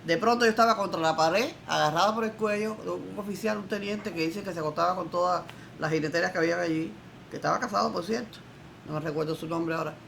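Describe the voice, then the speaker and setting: Older cuban woman, gravelly voice, quick defiant testimony, faint background noise. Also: fairly low pitch, fairly bright tone. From Cuba. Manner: emphatic, defiant storytelling. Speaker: interviewee, former political prisoner. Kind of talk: recorded testimony interview.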